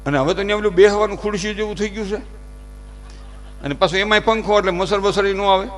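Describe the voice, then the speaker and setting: High-voiced man telling folk tales. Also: quick pace, faint music behind. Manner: animated, acts out characters and preaches with raised emphasis. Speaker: folk storyteller at a dayro. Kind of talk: humorous folk storytelling to a live audience.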